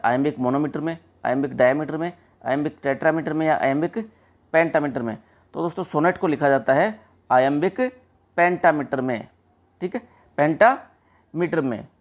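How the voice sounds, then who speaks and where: A man teaching an exam-prep lesson, explaining step by step, checking in often and mixing English terms into his explanation. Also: fairly high pitch. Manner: explains step by step, often saying "ठीक है" and addressing friends.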